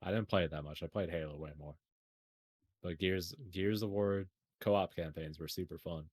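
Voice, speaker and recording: A man's voice: sits low, fairly even intonation, normal speed, darkish tone, no echo, clean studio sound. A man co-hosting a podcast, joking and laughing often in casual banter about video games. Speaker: podcast co-host.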